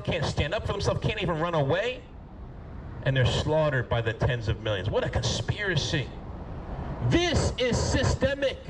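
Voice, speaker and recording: A man preaches in the open air with a somewhat high, fervent voice that climbs into shouts and sinks into low pleading. Cars and street noise run clearly behind him. It is a raw outdoor recording. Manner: impassioned, pleading and rebuking, swings from shouting to low urging. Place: outdoors by a street with passing traffic. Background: cars passing.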